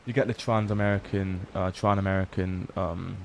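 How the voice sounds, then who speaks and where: A man's voice: sits low, normal speed, creaky, a little hiss or hum. Tired man chatting on a stream. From Scotland. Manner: relaxed, swears often, reads chat aloud. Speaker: livestream host. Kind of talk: casual late-night stream chat.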